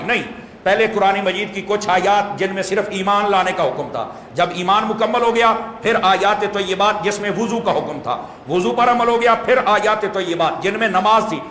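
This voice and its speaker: A man with a high, slightly bright voice delivers a sermon to a seated congregation, explaining things patiently and posing rhetorical questions. The sound carries the echo of a hall with faint background ambience.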